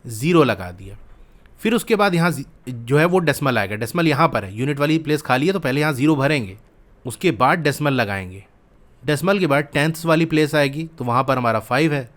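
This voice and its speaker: A man's voice: fairly high pitch, fairly bright tone. A man teaching a school maths lesson, explaining step by step and asking questions he then answers himself.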